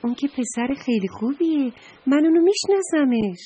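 A woman's voice: high voice, lively intonation, voice pushed up. Woman doing a curious kindly red brick. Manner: soft, surprised, questioning.

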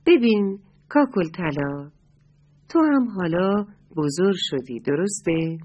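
Brief: eager storybook chick read by a woman, pushy and keen, husky tone. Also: lowish voice, animated, a little mellow, lo-fi sound. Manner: eager, bossy little chick. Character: young rooster chick, eager to grow up.

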